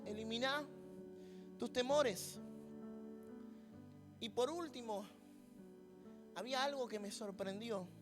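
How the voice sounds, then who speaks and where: A man preaching a sermon with a Rioplatense accent, mixing a personal story with humorous asides and acting out voices. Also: very high-pitched. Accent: Rioplatense Spanish. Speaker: pastor.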